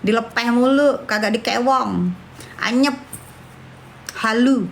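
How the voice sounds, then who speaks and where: A woman's voice: a little high, slow pace, creaky, slight background noise. A woman, chatting brashly and scornfully on a livestream, calling her viewers darling. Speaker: livestream host. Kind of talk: casual livestream chat with viewers.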